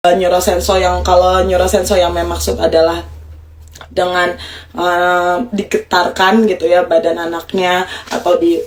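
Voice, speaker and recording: A woman, a child development educator, giving casual parenting advice to mothers in a lively way, dropping to a soft low voice for demonstrations. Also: moderate pace.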